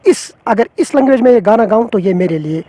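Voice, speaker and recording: A man's voice: high-pitched, animated, warm tone, no echo. A man interviewing a guest, asking polite, formal questions.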